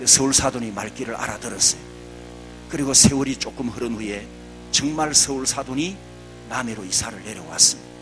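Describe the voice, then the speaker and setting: A man's voice: medium pitch, brisk, music in the background. A male pastor preaching at a revival meeting, telling humorous stories and having the congregation repeat phrases. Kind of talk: revival sermon.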